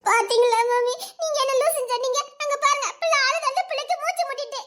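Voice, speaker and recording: A woman's voice: extremely high pitch, expressive, fast, a bit bright. A woman voicing a stubborn, confused young daughter who keeps protesting, with a Tirunelveli Tamil accent. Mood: insistent. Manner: insistent, protesting. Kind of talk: Tamil serial drama dialogue.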